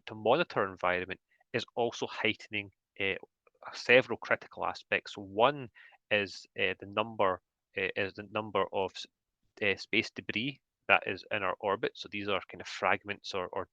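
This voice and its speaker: A man's voice: on the low side, normal speed, gravelly, bright, forceful tone, no room sound. A man with a broad Scottish accent presenting an academic webinar as a guest lecturer, slightly hesitant and repeating words. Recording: dull, lo-fi online call audio.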